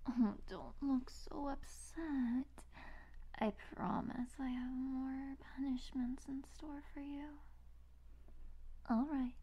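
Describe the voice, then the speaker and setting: Casting: actress as possessive yandere woman for ASMR role-play audio drama; high, soft mellow voice, sweetly obsessive and teasing. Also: husky, exaggerated voice. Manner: sweet, eerily obsessive, slow teasing delivery.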